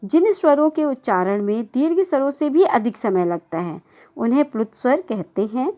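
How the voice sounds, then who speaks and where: During a school grammar lesson, a woman with a high-pitched, expressive, mellow voice patiently repeats definitions and checks that the class has understood. As she lists vowel sounds, she draws each one out slowly.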